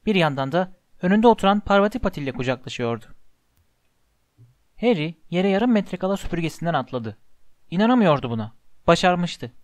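A man narrating an audiobook in an expressive, measured storytelling manner. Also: on the high side, dry recording.

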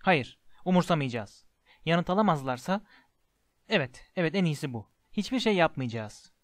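A man voicing a blustering, bullying middle-aged uncle who snaps and shouts. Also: fairly high pitch, lively intonation, normal speed, dry recording, clean studio sound, lightly acted. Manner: gruff shouting and snapping.

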